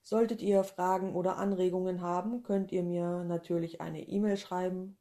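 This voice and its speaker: A woman with a low, mellow voice reads a first-person short story aloud. She tells it in a calm, even way. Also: normal speed.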